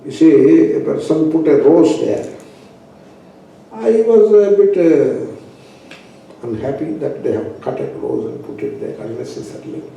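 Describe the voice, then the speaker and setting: Male Indian-accented swami for a philosophy class: very mellow tone, unhurried pacing, emphatic repetition, recorded in a reverberant room. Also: fairly high pitch, sing-song, vocal fry. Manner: didactic, emphatic, repeating phrases. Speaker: spiritual teacher, swami. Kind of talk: spoken philosophy class with rhetorical questions. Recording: very echoey room, distant mic.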